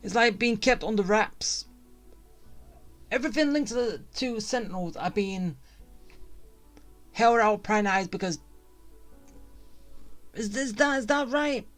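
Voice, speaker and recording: Over background music, a game streamer talks casually through his play, rambling and slightly grumbly like someone working things out aloud. His mid-range voice is expressive but a bit slow. He pauses often.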